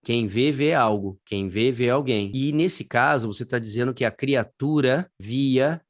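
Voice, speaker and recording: A man with a Brazilian Portuguese accent teaching grammar in a live online class, slangy and lively, calling on students by name. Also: mid-range voice, measured pace, muffled recording.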